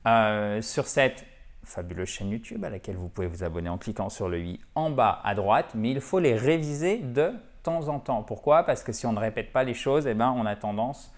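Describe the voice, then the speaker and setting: A man teaching an English lesson, explaining patiently and often checking that students follow. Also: medium pitch. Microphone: camera.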